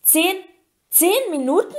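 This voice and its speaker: A woman's voice: sits high, animated, moderate pace, pitched above the performer's own voice. A woman voicing an anxious teenage wizard boy who talks desperately and breathlessly.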